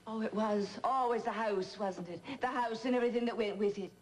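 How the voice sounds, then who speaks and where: A woman's voice: fairly high pitch, brisk, natural voice. An actress playing an anxious, cautious woman who frets and calls people darling, in 1980s TV soap acting. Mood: worried. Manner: fretful, calls others darling.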